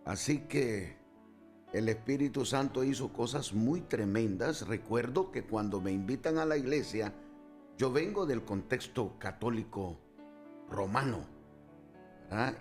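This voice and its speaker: A man from Honduras, a guest pastor, telling his personal testimony in an interview, relaxed and storytelling with asides. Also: mid-range voice, a little slow, faint music behind.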